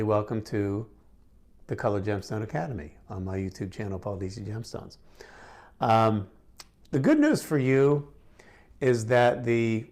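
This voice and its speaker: Speaking to camera in a relaxed Q&A format, a middle-aged host teaches about gemstones in a friendly, chatty manner, frequently using fillers and restarting sentences. His pitch is fairly low and his tone darkish.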